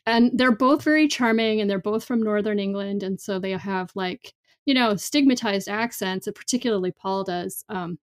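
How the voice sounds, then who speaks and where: A woman's voice: mid-range voice, normal speed. A woman co-hosting a podcast, talking casually and conversationally. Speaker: podcast co-host.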